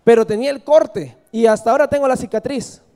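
Mellow-voiced preacher asking questions. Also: male voice, extremely high pitch, a little fast. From Peru. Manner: storytelling, asks the congregation questions, often adds "¿verdad?". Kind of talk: sermon.

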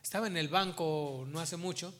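A man's voice: a little high, normal speed, a bit bright. A man preaching a sermon as pastor, emphatic and repeating his key phrases.

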